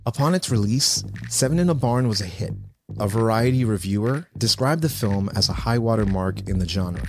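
A man narrating a scripted video essay in a measured, informative way. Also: on the low side, animated. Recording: voice-over with music underneath.

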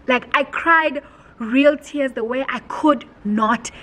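A young woman tells a story in a casual sit-down home vlog, animated and heartfelt, with many filler words. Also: high voice, slow, poor audio. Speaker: vlogger. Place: home, indoors.

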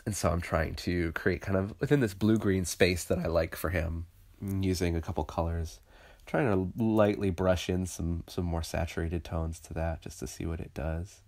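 An illustrator with a stuffy, congested cold voice narrates a digital painting tutorial, thinking aloud in a loose, conversational way with many fillers. His voice is deep and a little mellow, with a steady tone at normal speed.

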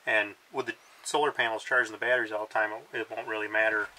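A man's voice: fairly low pitch, fairly even intonation, fast, pushed and bright, rough recording. A man explaining, in a practical, matter-of-fact way, how he will fix up an old camper, speaking by and inside it. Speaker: friend describing his repair plans. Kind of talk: casual explanation.

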